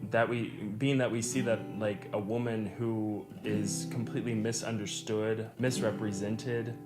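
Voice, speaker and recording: A man, a theater director and actor, talking hesitantly with many pauses in a documentary interview. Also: lowish voice, fairly even intonation. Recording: guitar music under voice. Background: guitar music.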